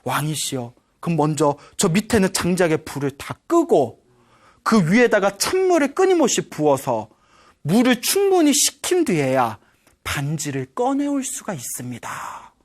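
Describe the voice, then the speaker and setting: A woman's voice: lowish voice, sing-song, moderate pace, a little mellow. A woman voicing frightened court ministers who beg their king for mercy in a sermon story. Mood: pleading. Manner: pleading, fearful. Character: frightened royal male ministers, pleading.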